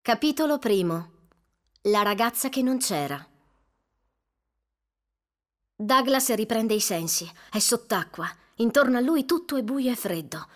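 A woman reads a suspenseful novel aloud, measured and dramatic, building tension line by line. Her voice sits a touch higher than most women's. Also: expressive. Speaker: audiobook narrator. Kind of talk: dramatic audiobook narration.

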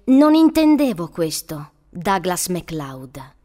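A woman voicing a sinister faceless man in a dark robe, speaking slowly, low and menacing. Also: big pitch swings.

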